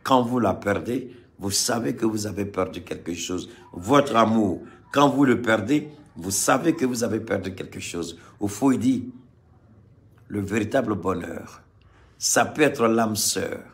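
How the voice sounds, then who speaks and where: Speaking at a measured pace in a lowish voice, a Malian man gives fiery political commentary before a live audience. His volume rises and falls sharply, and he repeats phrases to drive his points home.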